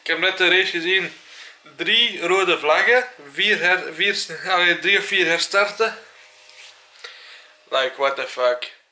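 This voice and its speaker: Young Flemish man for vlog chat, rather high voice, leisurely pace, English catchphrases mixed in. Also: pushed and bright. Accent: Flemish Belgian. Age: 20s. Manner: peppers talk with English phrases. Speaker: vlogger. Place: small room at home. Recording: roomy, echoey home recording.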